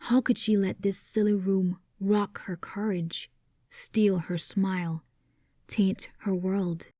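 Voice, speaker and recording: A woman narrating a first-person romance audiobook in a hushed voice that often drops to a whisper. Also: mid-range voice, little pitch movement, takes it slowly, no room sound, studio quality.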